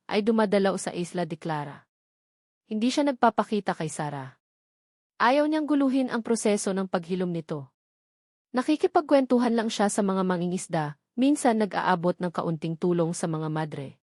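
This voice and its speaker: An audiobook narrator with a Filipino accent reads a scripted romantic story in a mid-range, darkish voice. The recording is dry and studio quality.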